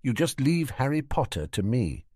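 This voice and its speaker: A sly false friend in a storybook reading, smooth and reassuring with something off underneath, as a man puts him on. He starts low and soothing, then firms up. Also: big pitch swings, moderate pace, darkish tone, no room sound, studio quality.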